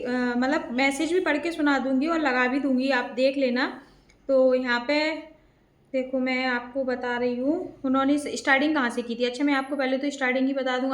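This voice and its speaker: A woman's voice: high voice, reverberant. A woman vlogger explaining a dispute to her viewers at length, in a casual, aggrieved storytelling manner.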